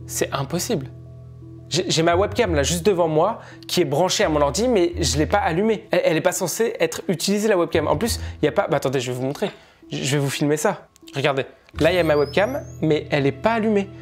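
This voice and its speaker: A man's voice: a little high, expressive, fast, soft background music. A young man in a reaction vlog, jittery and laughing, who repeats himself when uneasy, talking into a headset mic. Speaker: gaming and tech YouTuber.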